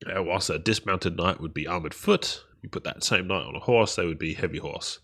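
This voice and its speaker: A man hosting a solo podcast, sounding nasal from a cold, talking hesitantly with many pauses and fillers. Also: low-pitched, vocal fry, fairly bright tone. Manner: hesitant, many ums and uhs. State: nasal, blocked nose from a cold. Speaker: podcast host.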